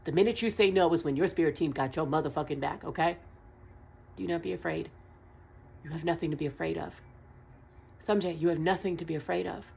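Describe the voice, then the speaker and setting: A woman's voice: low voice, fairly quick, gravelly, pauses often, darkish tone, husky, dull audio. A woman tarot reader delivering a channeled message in an earnest, emphatic monologue, repeating her points and swearing casually. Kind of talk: spiritual vlog monologue.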